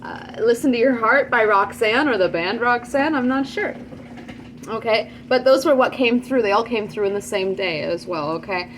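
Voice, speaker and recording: A woman's voice: fairly high pitch, normal speed, a little hiss or hum. A woman giving a casual channeled tarot reading to camera, chatty, with many fillers and frequent check-ins with her listeners. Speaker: tarot reader.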